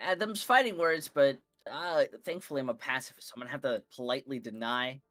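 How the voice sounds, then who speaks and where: Brief: male esports caster, mid-pitched, loose joking delivery, dry booth sound. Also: quick pace, a bit bright, no room sound, faint music behind. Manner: rambling, playful, many fillers. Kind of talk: casual live game commentary.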